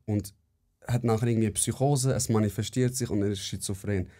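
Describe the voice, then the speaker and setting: A man's voice: fairly low pitch, fairly even intonation, brisk, dark tone. A young man with a Swiss German accent, a psychiatric nurse hosting a podcast, talking bluntly and casually and swearing now and then. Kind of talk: casual chat.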